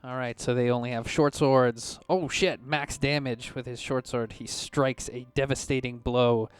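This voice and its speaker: A man acting as game master, improvising narration of tabletop combat in a halting but descriptive way. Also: mid-range voice, flat delivery, clean tone.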